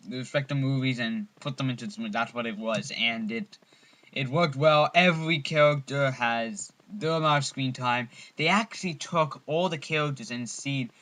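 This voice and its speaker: A man's voice: medium pitch, pushed and bright. A man giving a casual, rambling film review as an enthusiastic fan, full of ums and restarts. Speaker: movie reviewer.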